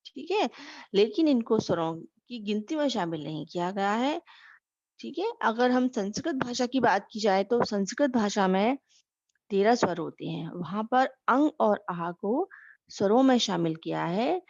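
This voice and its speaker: A woman teaching a grammar lesson for exam preparation. She explains slowly and keeps asking "okay?" as she goes. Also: medium pitch, animated, a little mellow, dry recording, muffled recording.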